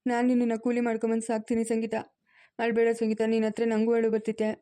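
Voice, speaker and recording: A woman's voice: fairly high pitch, completely flat delivery, fast, dark tone, natural voice. A woman acting in an amateur family drama, coaxing and reassuring over and over. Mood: soothing. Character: soothing man, then a loving grandmother.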